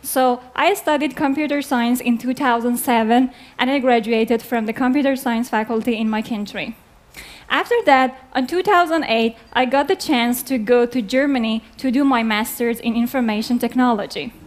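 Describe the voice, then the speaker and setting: Young woman from Afghanistan, earnest live stage talk, slightly high voice, headset mic. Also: moderate pace. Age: 20s. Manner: earnest, plain phrasing, with hand gestures. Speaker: speaker. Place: large dark theater stage.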